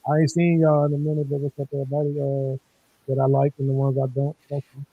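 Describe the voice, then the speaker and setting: A man's voice: mid-range voice, quick pace, no echo. A man chatting casually as a guest on a livestream panel, his voice muffled as if through a wall, with loose street slang on a cheap handheld mic. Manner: relaxed, loose street slang, laughs easily. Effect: muffled, as if heard through a wall. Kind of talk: casual chat.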